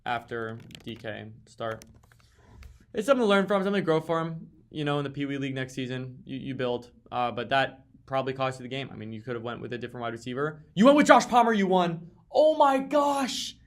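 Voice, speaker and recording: A man's voice: mid-range voice, fast talker. Sarcastic man ranting about fantasy football. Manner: mock-serious, sarcastic, with sudden exasperated outbursts; swears casually. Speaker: fantasy football league commentator. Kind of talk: casual comedic rant.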